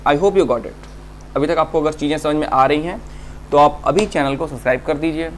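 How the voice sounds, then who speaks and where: A man teaching an exam-prep grammar lesson. He reads English examples slowly, explains them in fast Hindi, and asks his students questions that he then answers himself. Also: on the high side, slight background noise.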